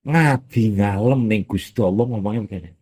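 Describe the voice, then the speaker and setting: A man giving a Quran commentary lesson at a boarding school, lively and acting out quoted speech. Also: fairly low pitch, a little fast, husky. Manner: animated, acts out quoted speech, mixes in local phrases.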